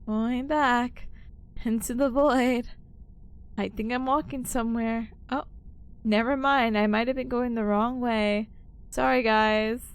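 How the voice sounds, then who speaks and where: A woman's voice: fairly high pitch, fairly even intonation, slow pace, smooth. A woman streaming a game and chatting to viewers in a cutesy, bubbly, playful way. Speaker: streamer, VTuber host.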